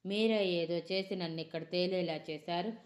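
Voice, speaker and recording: A woman voicing an angry, bewildered young woman who has been kidnapped and shouts indignant questions. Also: medium pitch, animated, moderate pace, pitched above the performer's own voice, lightly acted. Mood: furious.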